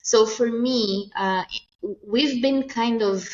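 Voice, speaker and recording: A woman from Mozambique, the chief executive of an agency, answering interview questions earnestly, with some halting restarts. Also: a little high, muffled recording. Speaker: agency CEO, guest. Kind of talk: conversational interview.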